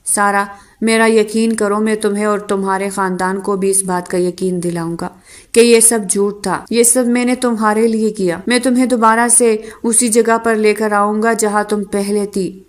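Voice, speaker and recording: An earnest, pleading young husband begging his wife's forgiveness, read by a woman narrating a romance audiobook. He speaks with steady, remorseful urgency at a medium pitch. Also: close to an everyday voice. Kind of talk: audiobook novel reading.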